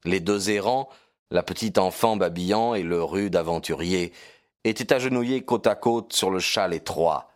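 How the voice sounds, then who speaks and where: A calm male audiobook narrator reading a classic novel with measured, gently grave delivery. His voice sits very low and steady.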